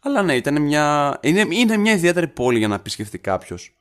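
A man's voice: fairly high pitch, big pitch swings, a bit bright, clean tone. A young man from northern Greece co-hosting a podcast in casual chat, teasing and often restarting his sentences. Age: young adult. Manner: chatty, teasing, trails off and restarts. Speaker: podcast co-host.

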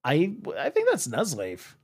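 A man's voice: on the high side, huge pitch swings, unhurried, creaky, noisy background. Young guy guessing on a quiz, voice bouncing all over, playful and hesitant. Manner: playful, hesitant, imitates sounds. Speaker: quiz player. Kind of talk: casual chat.

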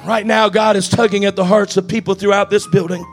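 A man preaching a Pentecostal-style church sermon in an impassioned, declamatory way, often shouting and repeating phrases for emphasis. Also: high voice, level tone, fairly quick, soft background music. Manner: emphatic repetition for effect.

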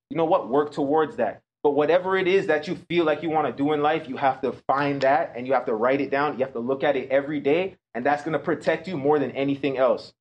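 A man giving a keynote talk to high school students, telling a personal story with emphatic delivery. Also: dull audio. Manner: storytelling, emphatic, acts out quoted voices. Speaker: motivational speaker.

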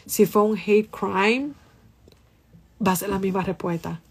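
A woman's voice: mid-range voice, steady tone, a little slow, slight background noise. A woman hosting a casual livestream, speaking passionately and emphatically while addressing her viewers directly and answering their comments. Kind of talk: casual live chat.

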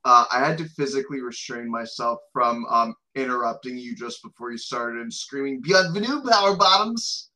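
Sardonic rambling man, bright voice. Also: medium pitch, level tone, normal speed, few pauses, low-quality recording. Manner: rambling, sardonic, swears freely. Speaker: podcast co-host. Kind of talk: casual podcast chat.

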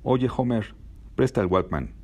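A man's voice: medium pitch, lively intonation, unhurried, pitched above the performer's own voice. A man voicing an impatient, complaining teenage boy, in a storybook reading.

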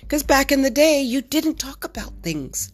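A woman's voice: high-pitched, very animated, moderate pace. A middle-aged woman hosting a podcast, telling a personal story in an earnest, candid and reflective way. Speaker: podcast host.

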